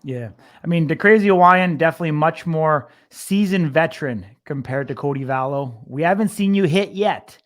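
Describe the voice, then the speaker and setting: Higher-voiced male sports interviewer. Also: normal speed, fairly bright tone.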